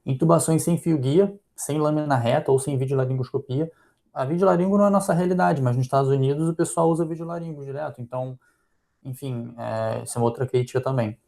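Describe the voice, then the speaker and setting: A man's voice: mid-range voice, fast, vocal fry, mellow. A man with a Brazilian Portuguese accent, a physician presenting a journal club critique, thinking aloud with frequent fillers.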